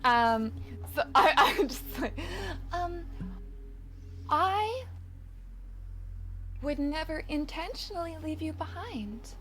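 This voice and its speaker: A woman's voice: sits high, expressive, takes it slowly, long pauses, fairly bright tone, soft background music. A giggly, hesitant woman chatting casually as a player in a tabletop game. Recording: faint room noise.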